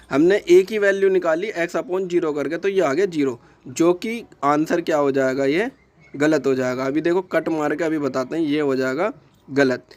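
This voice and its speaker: A young man teaching a math class, patiently repeating each step and answering his own questions. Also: on the high side. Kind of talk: classroom lesson explaining homework exercise.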